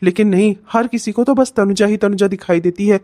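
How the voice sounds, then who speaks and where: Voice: medium pitch, steady tone, fairly quick, mellow, close to an everyday voice. A performer voicing a jealous young husband in a cartoon, sulky and complaining that no one praises him. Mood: irritated. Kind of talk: cartoon voice acting.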